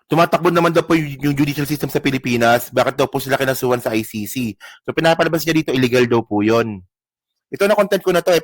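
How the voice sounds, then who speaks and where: A man's voice: mid-range voice, no room sound. A man giving mocking reaction commentary on news clips, heated and insulting, rambling with restarts and speaking straight to his viewers. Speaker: political commentary vlogger.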